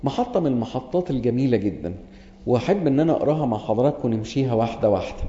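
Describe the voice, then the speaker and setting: An earnest Egyptian preacher delivers a sermon in a deep, mellow voice, reading scripture and then explaining it in everyday speech. He repeats his main lines slowly for weight. The sound is dull and muffled, with a long echo from a large hall. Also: expressive. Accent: Egyptian Arabic. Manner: earnest, reads scripture aloud and restates it plainly; repeats key phrases slowly for emphasis.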